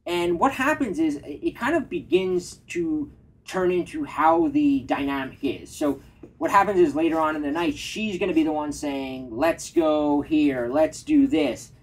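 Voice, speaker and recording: A man giving dating advice in a measured, reflective casual chat. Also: on the high side, sing-song, poor audio. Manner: measured, reflective, self-disclosing. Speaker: dating coach.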